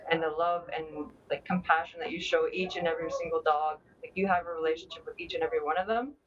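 A woman's voice: low-pitched, fairly even intonation, quick pace. A young woman answering interview questions conversationally, hesitant and often repeating her words. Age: young adult. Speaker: interview guest, dog team owner. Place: large busy indoor meeting hall. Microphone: video call. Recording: muffled video call, distant microphone.

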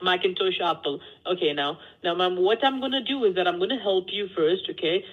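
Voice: medium pitch, a little fast, slightly rough. A phone agent giving tech support instructions in an insistent, repetitive, formally polite way. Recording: dull lo-fi phone call.

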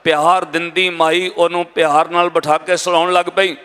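A man's voice: fairly high pitch, flat delivery, moderate pace, bright, forceful tone, clean tone. A man with a Punjabi accent giving a dramatic storytelling sermon, addressing the congregation directly. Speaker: Sikh katha preacher. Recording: reverberant hall.

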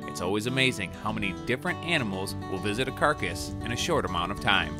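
A man narrating a scripted voice-over for an outdoor show in an even, measured way. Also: fairly low pitch. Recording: narration over guitar music.

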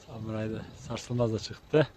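Outdoors in the snow at a rural kennel, a chatty dog breeder narrates a casual vlog showing his kennel over noisy surroundings. His voice is steady at normal speed, though he goes higher and sweet when talking to his dogs.

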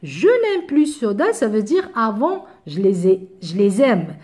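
A woman's voice: mid-range voice, big pitch swings, measured pace, mellow. A woman with an Algerian accent teaching French grammar to middle-school students, explaining step by step with examples and switching into Arabic to clarify.

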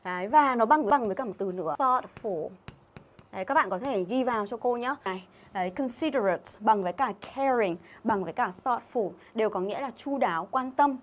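A woman from Vietnam gives a live English review lesson, her voice sitting a little high. She is chatty and keeps calling out viewers' names from the comments between explanations. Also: lively intonation, fairly quick. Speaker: English teacher. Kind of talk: livestream exam-review lesson.

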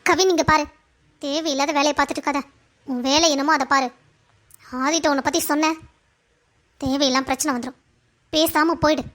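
A woman's voice: high voice, steady tone, brisk, long pauses, fairly bright tone. A woman voicing a young woman in a cartoon story who scolds and warns off a harasser sharply. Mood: warning.

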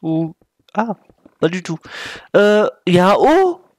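A man talking through a game slowly, his pitch bouncing up and down as he thinks aloud. He mocks himself and apologizes a lot, in a casual, chatty way. The sound is dry and close, with no room echo. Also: big pitch swings, darkish tone. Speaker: gaming YouTuber. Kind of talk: casual gameplay commentary.

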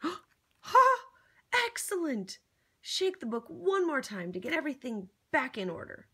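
A woman reads a picture book to young children in a high, pushed, bright voice with big pitch swings, going a little slowly over a faint hiss or hum. Theatrical and encouraging, she gasps and exclaims in an exaggerated way and coaxes the child listener directly.

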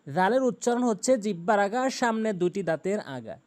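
A man with a Bangladeshi Bengali accent teaching Quran recitation, explaining pronunciation rules and chanting verses slowly and melodically. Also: sits high, lively intonation, darkish tone. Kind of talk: tajweed lesson with recitation.

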